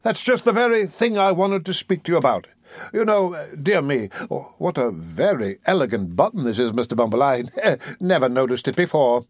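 A fawning, eager-to-please undertaker, as a male reader puts him on for a storybook reading. The voice rides higher than the narrator's own, slightly lifted in energy, with a simpering politeness. The sound is dry and close, with no room around it. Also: lively intonation, moderate pace, dry recording. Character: fawning, ingratiating middle-aged male undertaker. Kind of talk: audiobook character reading.

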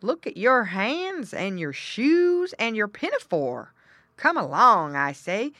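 A woman voicing a coarse, boastful male pig who talks loudly and insistently in a storybook reading. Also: mid-range voice, big pitch swings, takes it slowly, dry recording, studio quality, pitched above the performer's own voice, heavily acted. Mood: pushy. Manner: loud, hearty and insistent.

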